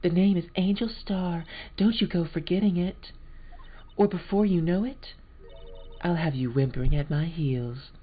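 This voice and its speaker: A posh, haughty woman from a video game, who lords it over everyone , as a man puts her on in a raised voice. She talks theatrically with drawn-out words. The recording sounds slightly dull and lo-fi. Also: high voice, voice pushed up. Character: haughty scheming lunch-seller woman.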